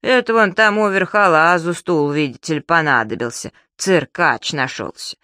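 A woman voicing a grumpy, sarcastic old man in an audiobook, grumbling slowly. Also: deep voice, pushed and bright, no echo, clean studio sound. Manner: slow, grumbling.

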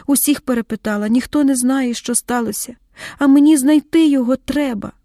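A woman's voice: high voice, brisk, mellow, dry recording, studio quality, pitched above the performer's own voice. Mar'iana, a woman reading a weary young woman. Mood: upset. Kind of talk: audiobook character reading.

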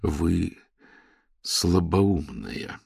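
A man reading an audiobook, voicing a police major who grows quieter and more clipped when furious. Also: sits low, slow, vocal fry, breathy edge, dry recording, studio quality, exaggerated voice. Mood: cold anger.

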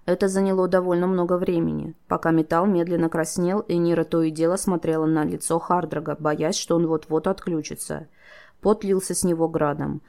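Woman narrator, audiobook, low voice, gravelly fry, steady storytelling. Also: brisk. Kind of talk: scripted narration.

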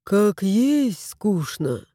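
A woman's voice: medium pitch, sing-song, very slow, mellow, no room sound, clean studio sound, heavily acted. A woman voicing a grumpy, touchy male house cat in a storybook reading, sulky and grumbling.

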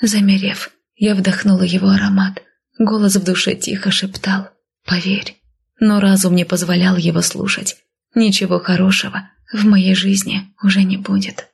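A woman narrating a story in a soft, breathy whisper, as whispered role-play. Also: mid-range voice, little pitch movement, normal speed.

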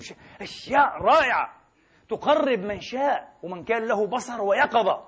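A man giving an animated religious lecture, mixing formal and colloquial speech as he addresses the congregation. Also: sits high, muffled recording. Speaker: preacher.

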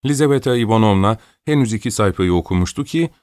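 Low-voiced male audiobook narrator. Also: animated, fast, a little mellow, clear, resonant tone, no echo, studio quality. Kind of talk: scripted narration.

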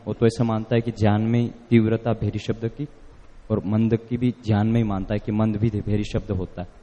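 A man in a philosophy class who raises his doubts and objections in a measured way. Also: fairly low pitch, warm tone, long reverb tail. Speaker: student. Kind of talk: classroom question.

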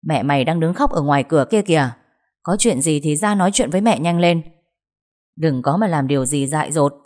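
A woman's voice: low-pitched, lively intonation, brisk. A woman playing an urgent, alarmed father. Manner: urgent, shouting orders. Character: alarmed middle-aged father.

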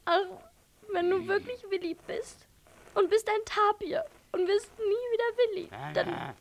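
A woman playing a young character in a radio play, speaking gently and coaxingly, often hushed. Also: very high-pitched, unhurried, slight background noise. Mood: tender. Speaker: girl character Hannah.

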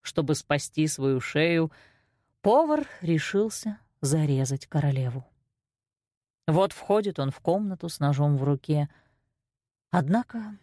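A woman narrating a fairy tale in an expressive storytelling voice. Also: dry recording, studio quality. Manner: expressive, with wide swings in pitch.

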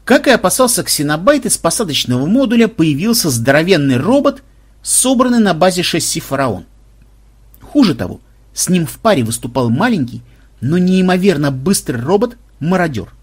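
A man narrates an audiobook in a husky, slightly high voice. His delivery is even and storytelling, with a lively, varied melody. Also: fairly quick.

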